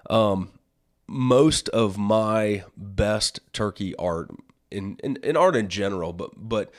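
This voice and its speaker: Podcast host, male, 40s: deep smoker's rasp, hoarse from illness, casual conversational delivery. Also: slow pace. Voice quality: raspy smoker's-style voice. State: sick, hoarse. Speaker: podcast host and wildlife artist.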